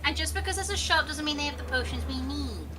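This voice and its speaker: A woman's voice: sits high, expressive, fast, music in the background. A woman playing a tabletop game with friends, joking, laughing and swearing casually. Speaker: player.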